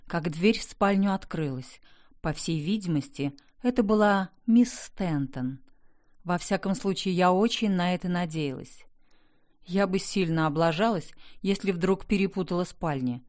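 A woman's voice: lowish voice, animated, moderate pace, darkish tone. A woman reading a first-person audiobook in a wry, conversational storytelling manner. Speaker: audiobook narrator. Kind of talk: scripted first-person narration.

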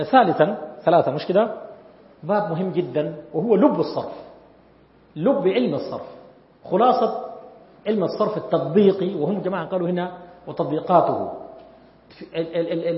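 Lively male grammar teacher. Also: high-pitched. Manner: lively, asks the class questions. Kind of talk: classroom lecture. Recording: echoey hall, dull lo-fi sound.

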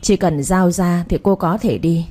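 A woman's voice: on the low side, a little slow, dark tone. A woman doing a curt gang enforcer. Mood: cold demanding. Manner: curt, demanding. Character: cold, commanding male gang enforcer.

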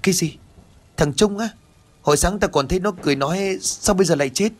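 A man's voice: a little high, lively intonation, a little fast, pitched above the performer's own voice. A man voicing a frightened village woman from an audio ghost story, shrieking and frantic. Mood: panicked.

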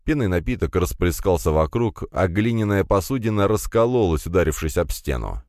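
Deep guy reading an audiobook, lively delivery, dry close sound. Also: brisk, no echo. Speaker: audiobook narrator. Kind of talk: audiobook narration.

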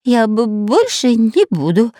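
A woman's voice: a little high, sing-song, takes it slowly, mellow, dry recording, studio quality, pitched above the performer's own voice. A woman voicing a cowardly long-nosed male spy who wails and stammers. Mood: scared. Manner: wailing, squealing, stammering.

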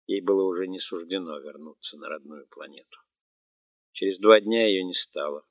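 A man narrating an audiobook in a steady, even reading. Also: low-pitched, normal speed, no room sound. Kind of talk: scripted narration. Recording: dry, dull, muffled recording.

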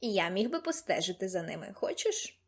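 A woman's voice: mid-range voice, sing-song, moderate pace, husky. A woman reading an audiobook voices a cheeky invisible gargoyle demon who gossips and mocks, at times dropping to a whisper. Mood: mocking. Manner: gossipy and mocking, drops to a whisper.

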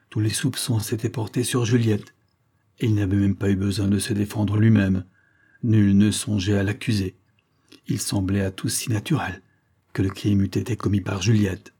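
A man narrating a classic serial story in a measured, dramatic reading. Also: on the low side, mellow, breathy edge. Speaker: audiobook reader. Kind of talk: scripted narration of a serial novel.

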